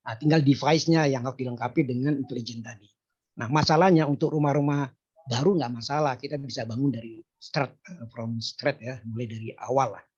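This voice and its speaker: A hoarse man explaining technology in a discussion and asking a question, with frequent hesitations. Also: medium pitch, brisk, darkish tone, lo-fi sound. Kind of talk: casual discussion talk.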